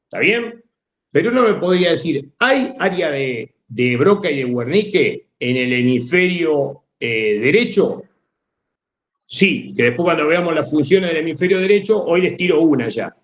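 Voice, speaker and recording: Male teacher, Rioplatense accent, lecture delivery, animated intonation, echoey room. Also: fairly high pitch, moderate pace, highs cut off. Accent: Rioplatense Spanish. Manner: explanatory, checks understanding often. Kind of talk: classroom lecture.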